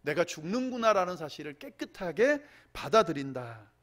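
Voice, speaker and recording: Male pastor mid-sermon, animated, voice swoops up on quotes and falls away at line ends. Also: fairly high pitch, moderate pace. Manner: animated preaching, voice rising on quoted cries and dropping at line ends.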